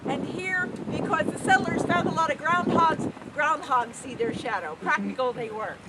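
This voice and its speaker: A woman hosting an outdoor ceremony, giving an informal, halting, explanatory welcome speech to a public gathering. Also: high voice. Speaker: ceremony host, groundhog handler. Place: outdoor town square. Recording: loud outdoor wind and street noise.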